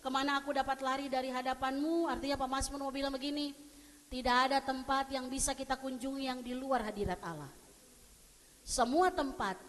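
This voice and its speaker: High-voiced woman pastor preaching. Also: a bit bright. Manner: conversational, humorous, asks the congregation questions. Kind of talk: sermon. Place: church sanctuary. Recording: long church hall reverb.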